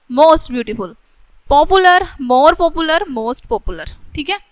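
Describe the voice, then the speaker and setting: A woman teacher giving a grammar lecture, reading English rules slowly and then explaining them in Hindi, often checking in with "theek hai". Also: high voice, fairly bright tone, no echo.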